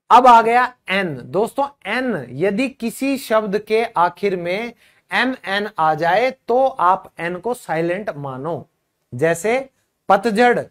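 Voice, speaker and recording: A man gives an unhurried video lesson on pronunciation. He takes his time and says each word twice for the learner. He talks to his viewers fondly, as if they were his own pupils. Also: sits high, fairly bright tone. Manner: patient explaining with repeated drilled words; addresses viewers as children and friends. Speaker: English pronunciation teacher.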